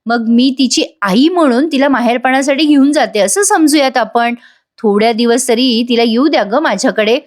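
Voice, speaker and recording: A woman's voice: fairly high pitch, normal speed, lightly acted. Give me a coaxing, pleading aunt, put on by a woman recapping a soap. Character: caring middle-aged aunt, gently persuasive.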